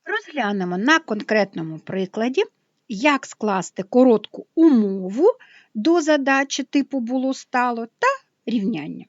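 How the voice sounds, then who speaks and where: A woman's voice: a little high, lively intonation, a little slow, no echo, highs cut off. A woman math teacher explaining a lesson patiently, step by step.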